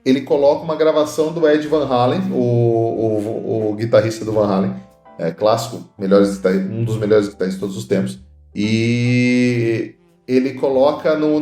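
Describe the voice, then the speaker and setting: A podcast co-host with a mellow, medium-pitched voice chats casually about films, recounting movie trivia with playful asides. The sound is roomy.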